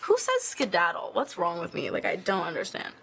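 A young woman, a singer, chatting casually on a live stream, reading fan questions aloud and answering with lots of "like" and quick laughs. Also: on the low side, huge pitch swings, gravelly, a bit bright, slight background noise. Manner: chatty, giggly, filler-heavy with frequent "like". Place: indoors at an office.

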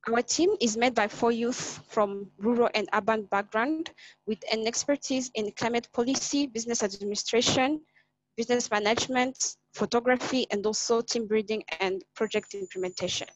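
A woman from Rwanda presenting a project pitch on a video call, speaking haltingly with frequent restarts. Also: fairly even intonation, no echo, poor audio.

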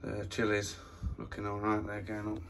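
A man's voice: fairly low pitch, monotone, normal speed, creaky, fairly bright tone. A man giving a chatty, plain-spoken tour of his allotment and then his indoor plants, filming on a handheld phone. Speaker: allotment vlogger. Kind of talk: casual walk-through commentary. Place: windy allotment outdoors, then a room at home. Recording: outdoor wind noise, then indoors.

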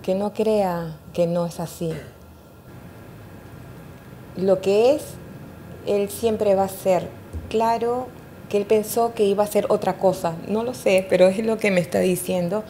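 Woman psychic doing readings, mellow voice, lots of "eh" and pauses, faint rumble behind. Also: steady tone. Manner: hesitant, fills pauses with "eh" and "¿me entiendes?". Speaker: astrologer and psychic. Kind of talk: interview, giving psychic readings.

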